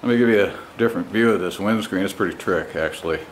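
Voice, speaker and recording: With a low voice, a man films a casual walkaround of custom motorcycle work on a handheld camera, relying on its mic. He's a vlogger and home mechanic, unhurried and pausing often between broken phrases, like a hobby mechanic in his garage. The garage door is open, and the recording comes out noisy.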